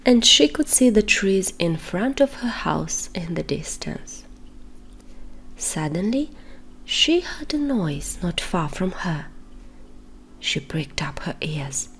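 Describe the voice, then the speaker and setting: Woman whispering a bedtime story, very slow, faint hiss behind. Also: on the low side. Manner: soft, unhurried whisper.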